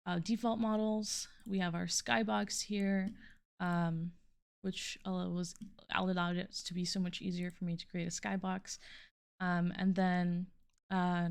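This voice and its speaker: A young adult woman, a student, gives an informal, halting walkthrough of a programming project, thinking aloud as she goes and sometimes trailing off. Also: lowish voice, vocal fry, darkish tone, smooth. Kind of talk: informal screen-recorded code walkthrough.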